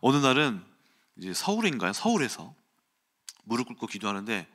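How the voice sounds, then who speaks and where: A man preaching an early-morning sermon, telling a personal story in an animated way and acting out quotes and sounds. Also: medium pitch, brisk.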